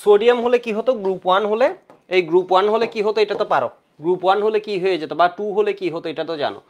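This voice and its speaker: A man's voice: high-pitched, racing, lo-fi sound, slight background noise. A man teaching an online chemistry lecture for exam prep, repeating key points again and again to drill his students.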